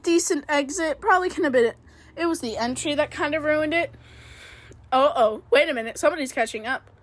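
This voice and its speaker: High-voiced woman narrating her racing game. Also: brisk. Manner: rambling play-by-play, self-critical, many fillers. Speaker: gaming video creator. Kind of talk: casual racing game commentary.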